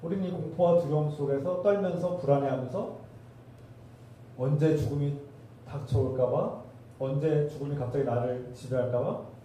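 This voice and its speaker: Preaching man, mellow, echoing from afar. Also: on the high side, a little hiss or hum. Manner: preaching with rhetorical questions to the congregation. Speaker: pastor. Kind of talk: sermon. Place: church sanctuary. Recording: distant roomy church recording.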